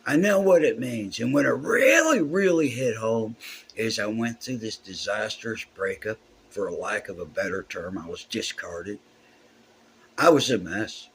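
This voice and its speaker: A man's voice: fairly low pitch, fairly bright tone, slight background noise. A man, a musician telling a heartfelt, profane story in a casual way.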